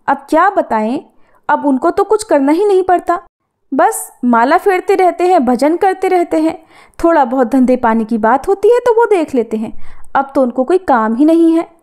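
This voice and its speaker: A woman storyteller speaks as the devotee's wife, a plain, devout village woman who talks frankly and homely. Her voice is high and bright. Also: expressive, moderate pace.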